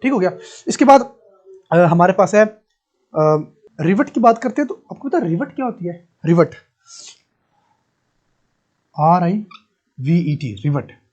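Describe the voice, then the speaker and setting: A man's voice: high voice, very animated, unhurried, pauses often, a little mellow, muffled recording. A man teaching a physics lesson, who explains step by step, repeats key terms and asks his class rhetorical questions. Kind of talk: classroom lecture.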